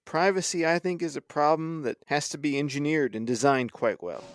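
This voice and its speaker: A man's voice: fairly high pitch, a little fast. An American man hosting a podcast, talking informally and thinking aloud with asides. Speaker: podcast host. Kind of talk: conversational podcast interview.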